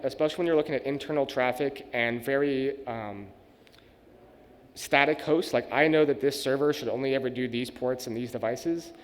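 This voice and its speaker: A man giving a technical conference talk and answering questions, speaking casually with many "like"s. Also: mid-range voice. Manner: casual, quick, uses "like" and "sort of" often. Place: conference hall. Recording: reverberant conference hall.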